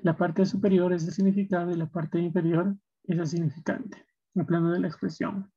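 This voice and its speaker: Male teacher, husky and mellow, explaining patiently, lo-fi recording. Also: on the high side. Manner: explanatory, checks in with tag questions. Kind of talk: recorded slide lecture. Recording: dull lo-fi recording.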